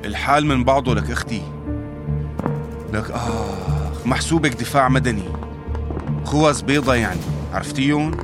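This male actor voices a Madaya civil defense rescuer for radio drama, speaking with a Syrian accent at medium pitch and normal speed, with long pauses and a near-everyday sound. The character, from the Damascus countryside, is determined, warm, protective and stubbornly hopeful, and the delivery is earnest and coaxing, broken by heavy sighs. Music runs underneath.

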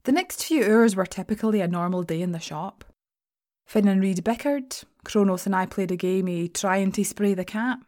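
A woman's voice: mid-range voice, normal speed, darkish tone, natural voice. A woman with a broad Scottish accent performing a first-person audio drama monologue as a sardonic, sweary, anxious shop assistant, confiding her story wryly. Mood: wistful, wry.

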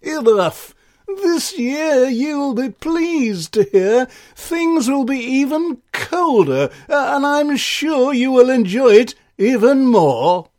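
A man's voice: very high-pitched, animated, slow, darkish tone, pitched above the performer's own voice, exaggerated voice. A man voicing a pompous, cold-hearted male Ice King in a children's story. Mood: smug. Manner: pompous, self-satisfied, punning.

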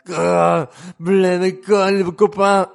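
A man's voice: high-pitched, slow pace, darkish tone, pitched above the performer's own voice. A man voicing an upset young boy who grumbles and whines, in a children's storybook reading. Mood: grumbling. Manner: grumbling, slurred angry words.

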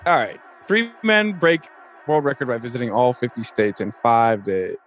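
A man's voice: mid-range voice, moderate pace, music in the background. A man reading a news item on a casual podcast with friends, with offhand dry humor. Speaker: news segment reader on podcast.

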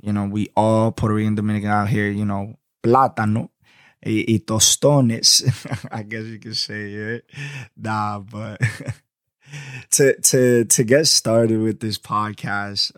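A man's voice: on the low side, a bit bright, no echo, studio quality. A young man from Florida with a Florida accent, hosting a solo podcast in laid-back, slangy talk. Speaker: podcast host.

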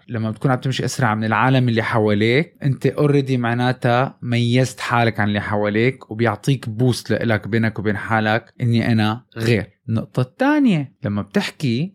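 Fast-talking man with a Levantine accent. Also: mid-range voice. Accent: Levantine Arabic. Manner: energetic, addresses viewers directly, with self-corrections. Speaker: vlogger. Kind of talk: casual motivational talk to camera.

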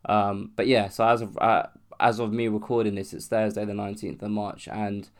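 A young London man with a cold and sore throat hosts a solo podcast, rambling casually, restarting and swearing as he goes. His voice is fairly low, his tone level and his pace moderate.

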